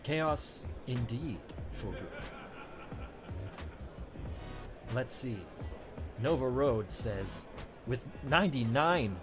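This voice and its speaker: A man's voice: mid-range voice, lively intonation, slow. A man playing a brooding hedgehog antihero, hosting a livestream with dry, grumbling, hesitant banter. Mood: dry, appreciative. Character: Shadow the Hedgehog, brooding male anthropomorphic hedgehog held captive. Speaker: livestream host reading donations. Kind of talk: in-character improvised livestream banter. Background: background music.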